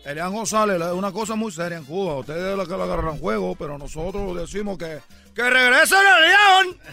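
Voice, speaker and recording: A man voicing a boastful Cuban baseball player with a Cuban accent in a comedic radio bit, loud and rambling, repeating himself. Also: high voice, fast, vocal fry, faint music behind. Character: boastful Cuban ballplayer, adult man, brash joker.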